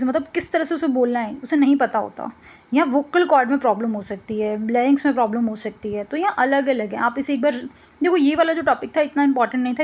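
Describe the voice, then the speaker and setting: A woman teacher with a high, light voice walks through exam-prep slides. Her tone is casual and explanatory. She slips English terms into her talk and keeps checking in with her students.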